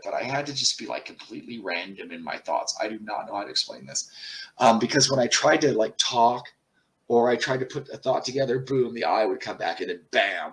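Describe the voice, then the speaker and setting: A man telling a personal story in a casual, rambling way, swearing often and pausing on fillers. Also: medium pitch, fairly bright tone, distant mic. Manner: profane, rambling, halting with many fillers. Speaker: channel host.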